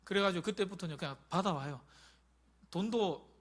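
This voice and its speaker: A man in his forties, a pastor preaching a sermon in an animated, emphatic way, with many rhetorical questions to the congregation. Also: high voice, moderate pace. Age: 40s.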